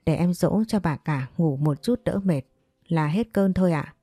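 A woman voicing a loyal, protective nanny who talks in a soothing, gentle way. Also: low-pitched, normal speed, dry recording, clean studio sound. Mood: tender.

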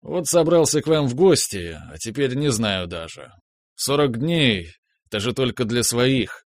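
A man's voice: mid-range voice, lively intonation, a little slow, dry recording, studio quality. A man voicing a plump, sentimental middle-aged man who talks in a fussy, hesitant way. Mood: hearty.

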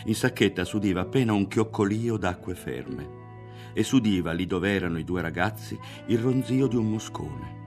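Deep-voiced man reading a novel. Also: over music. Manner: measured, expressive reading. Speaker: audiobook reader. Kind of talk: literary narration.

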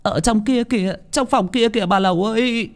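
A man voicing a panicked young woman who cries out shrilly. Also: fairly quick. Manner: shrill, frantic crying out.

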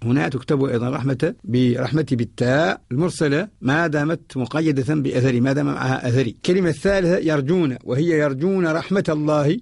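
A man with a Mauritanian accent teaching a poem on Quran spelling in a radio lesson. He explains in a measured, methodical way and repeats set phrases. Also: mid-range voice, gravelly, darkish tone, slightly rough, no echo, studio quality. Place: radio studio.

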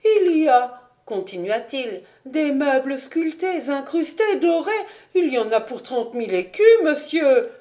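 A woman reading an audiobook, voicing an excitable male royal financier who talks in a high, indignant, breathless rush. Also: slow pace.

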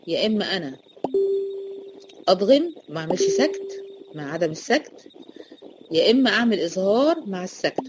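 A woman's voice: mid-range voice, darkish tone, a little hiss or hum, low-quality recording. A woman teacher with an Egyptian accent explaining a recitation lesson, asking questions and answering them herself. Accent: Egyptian Arabic.

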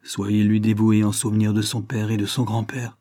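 A man voicing a grave, commanding aristocratic lord near death, who speaks in a measured, solemn way. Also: lowish voice, level tone, dark tone, dry recording, studio quality, close to an everyday voice.

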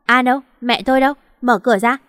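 A woman's voice: high-pitched, quick pace, a little mellow, no echo, clean studio sound, big-room sound, pitched above the performer's own voice, lightly acted. A woman voicing a desperate young man who urgently calls out and pleads for his missing wife.

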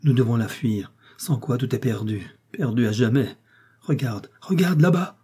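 A man's voice: mid-range voice, fairly even intonation, moderate pace, mellow, husky. Man voicing a terrified young ghost woman. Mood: terrified urgent. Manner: urgent, breathless pleading, sinking to a whisper. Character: frightened young female ghost, desperate.

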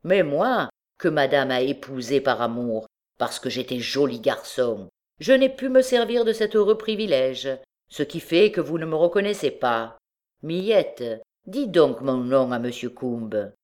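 A woman's voice: rumbling low, very animated, a little slow, a little mellow, exaggerated voice. A woman putting on a sly menacing convict bandit. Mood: menacing, mocking. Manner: mocking, threatening politeness.

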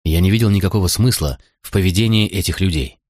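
A man giving measured first-person audiobook narration. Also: low voice, a little mellow, no echo, clean studio sound.

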